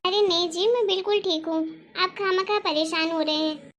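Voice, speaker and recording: In cartoon family drama voice acting, a woman plays a worried, soft-hearted young housewife who is a mother and elder sister-in-law. Her voice is extremely high and bright with little melodic swing and fairly even intonation, at normal speed. She sounds plaintive, complaining, evasive and hesitant over faint background noise.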